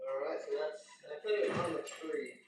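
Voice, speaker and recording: A man's voice: on the high side, normal speed. Man, casual livestream host, laid-back frat-bro talk, mild swearing, echoey room, faint background noise. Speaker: home-brewing livestream host. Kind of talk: casual livestream chat while demonstrating. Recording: roomy echo, distant mic, faint noise.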